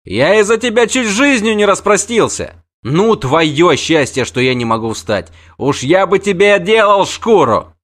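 A man voicing a loud, blustering wounded soldier in an audiobook reading. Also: extremely high pitch, huge pitch swings, slow pace, pitched above the performer's own voice, heavily acted. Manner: shouting, blustering.

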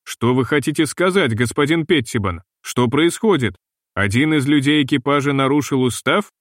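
A young ship captain, as a male reader puts him on speaks briskly and impatiently. The voice is mid-pitched and recorded close and dry. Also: lively intonation, dry recording, natural voice.

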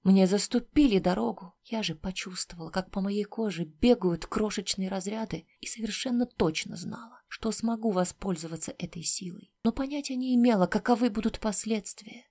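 Gravelly-voiced woman narrating a story. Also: mid-range voice, normal speed, few pauses, mellow, no echo. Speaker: audiobook narrator. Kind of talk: first-person fantasy audiobook narration.

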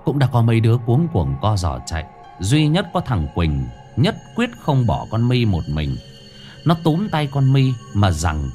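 A man narrating a ghost story in a lively, animated storytelling manner. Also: medium pitch.

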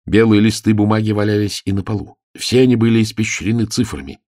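A man narrating a children's storybook with expressive storytelling. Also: lowish voice, fast talker, no echo. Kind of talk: audiobook narration.

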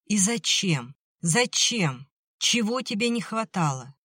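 A stern middle-aged uncle, read by a woman narrator, shouting and scolding in fury. The voice stays fairly low, close to the reader's own. The recording is dry and close, with no room sound. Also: normal speed, dry recording, natural voice.

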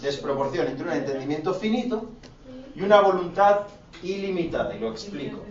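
A man's voice: high voice, animated, brisk. A man from Spain lecturing a class on philosophy, firing rhetorical questions and teasing his students in colloquial asides. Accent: Spain Spanish. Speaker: philosophy teacher. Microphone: distant room mic. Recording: echoey, dull classroom audio from far off.

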